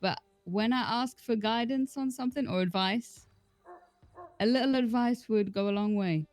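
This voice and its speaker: A woman's voice: fairly high pitch, moderate pace, darkish tone, no echo, faint music behind. A woman playing a police officer in a roleplay, brash and teasing, swearing freely. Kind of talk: in-character roleplay banter.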